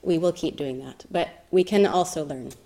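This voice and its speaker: A woman giving a reflective meditation talk, soft-spoken and thoughtful with gentle laughter. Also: sits low, moderate pace. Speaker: meditation teacher.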